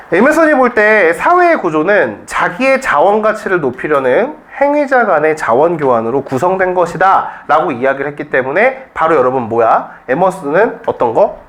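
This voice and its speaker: Guy teacher lecturing a classroom, high voice, jokey, keeps asking the class questions, bit of background hiss. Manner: lively, joking and rhetorical, quizzing students constantly. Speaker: Korean-language cram school teacher.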